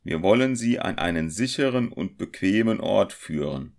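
A man reading aloud, voicing a robber leader who bargains with loud threats. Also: low-pitched, expressive, moderate pace, creaky, voice pushed up. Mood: menacing. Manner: forceful, threatening.

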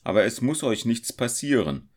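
A man reading aloud, voicing a robber leader who bargains with loud threats. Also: mid-range voice, sing-song, normal speed, pitched above the performer's own voice. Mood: menacing. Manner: forceful, threatening.

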